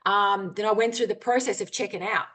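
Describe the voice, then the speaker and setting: Over a video call, a woman adventurer gives an earnest, candid guest talk with a screen share, followed by Q&A. Her mid-range voice is steady but sharp, a little fast, and sprinkled with ums and you-knows.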